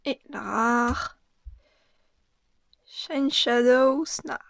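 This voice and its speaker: A young woman with a high, light voice murmurs her way through an unboxing, often slipping into a half-whisper. She talks slowly and unhurriedly. The sound is close and completely dry, with no room around it. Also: creaky, no echo. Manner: soft, murmured card reading with frequent half-whispers. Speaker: card unboxing vlogger.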